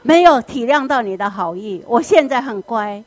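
A woman's voice: on the high side, expressive, normal speed, natural voice. A woman voicing a child who apologizes to its mother in an overly sweet, pleading way. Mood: contrite.

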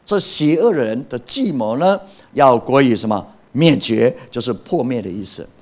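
A man's voice: medium pitch, animated, moderate pace. A man preaching a sermon as pastor, emphatic, often asking the congregation a question and answering it himself.

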